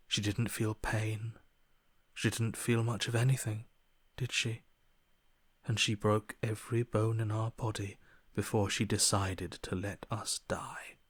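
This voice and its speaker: In dramatic video game voice acting, a low, husky male voice plays a despairing, defeated man whose inner voice is broken and fatalistic. He sounds resigned, mournful and bitterly pessimistic, and the recording is dry and of studio quality.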